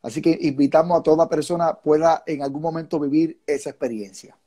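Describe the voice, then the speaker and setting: A man's voice: a little high, fairly even intonation, a little fast, warm tone, slightly rough. A man hosting a live faith program, preaching and then interviewing a guest, with fervent exclamations of praise woven into his speech. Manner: fervent, sprinkled with "gloria al Señor" and "aleluya". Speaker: host and preacher.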